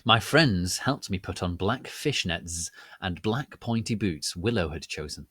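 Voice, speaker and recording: A man's voice: low-pitched, animated, unhurried, sharp tone, breathy edge, dry recording, studio quality. A man narrating a dramatic reading of fan fiction in a hammy, theatrical, stagey manner.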